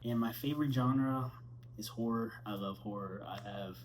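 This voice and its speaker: A man's voice: mid-range voice, moderate pace, slight background noise, low-quality recording. A twenty-two-year-old man, a film student, talking casually from his bedroom, rambling with fillers and self-corrections. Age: 20s.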